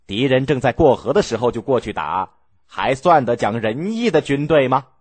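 A man's voice: mid-range voice, lively intonation, normal speed, slightly rough. A man voicing an old, stubborn, self-righteous duke who talks in a lecturing, pompous way. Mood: indignant.

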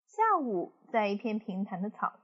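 A woman's voice: mid-range voice, sing-song, moderate pace, muffled recording. A woman storyteller reading a children's story expressively.

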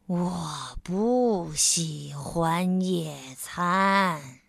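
A drowsy, dragging grown man from a children's storybook, low and unhurried, stretching every syllable, as a woman puts him on. His voice sits deep and slow against a dry, close sound. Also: vocal fry, no room sound, full character voice. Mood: sluggish. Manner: drawn-out, dragging delivery. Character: slow, sleepy, sluggish grown man who hates hurrying.

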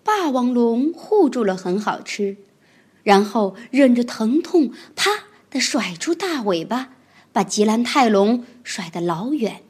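A woman reading a children's picture book aloud, with expressive storytelling. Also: fairly high pitch, a little slow, breathy edge.

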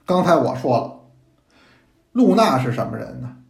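A man, a teacher telling a historical story in a lively, playful storyteller's manner. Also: medium pitch, normal speed, creaky. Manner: lively, animated, playful asides to listeners. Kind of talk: storytelling in traditional narration style. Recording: echoey room.

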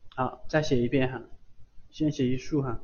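A man's voice: medium pitch, steady tone, moderate pace, darkish tone, muffled recording. A man teaching kana pronunciation in an online lesson, drilling each syllable over and over with patient repetition. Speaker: Japanese language teacher.

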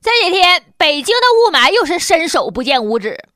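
A woman's voice: extremely high pitch, sing-song, brisk, sharp tone, faint music behind. A woman with a Northeastern Chinese accent giving sarcastic, colloquial comic commentary on the news as a host.

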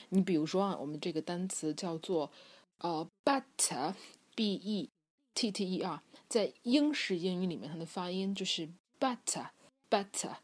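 A woman giving a bilingual pronunciation lesson and stretching each example word out slowly as she demonstrates it. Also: on the low side, husky. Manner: slow, drawn-out demonstration of example words; explanatory, with frequent filler sounds. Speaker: English pronunciation teacher.

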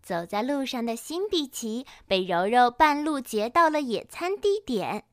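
A woman teacher narrating a children's story, acting out the characters with lively energy. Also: on the high side, a little slow, no room sound, clean studio sound.

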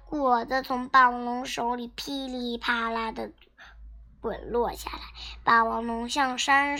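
A child reading a picture book aloud, haltingly, often repeating and correcting words. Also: sits high, pushed and bright. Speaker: storybook reader.

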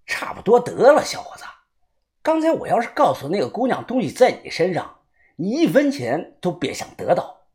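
A man voicing a fussy retired old man who collects jade, with a Beijing accent, speaking lower and quieter. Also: huge pitch swings, normal speed, full character voice. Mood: wheedling.

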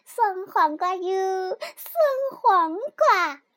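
A woman's voice: very high-pitched, lively intonation, extremely slow, fairly bright tone, pitched above the performer's own voice, heavily acted. A woman voicing a giggly mocking little piglet. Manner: teasing, giggling, sing-song.

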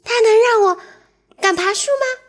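A woman doing a squeaky timid little mouse. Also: moderate pace. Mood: eager. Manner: squeaky, hesitant, high-pitched. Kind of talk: children's storybook reading.

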